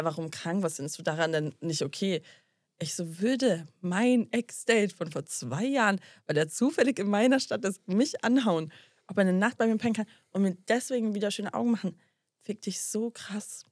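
A young woman with a somewhat low voice tells a story in a casual podcast chat. She plays out both sides of the conversation with sass and tosses in English slang. The sound is dry and close, with no room echo. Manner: animated, acts out both sides of a dialogue, drops English slang.

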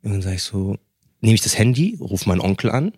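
Husky low-voiced young man telling a story. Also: no room sound, studio quality. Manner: animated storyteller, street slang, quick restarts. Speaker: podcast co-host. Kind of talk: casual storytelling chat.

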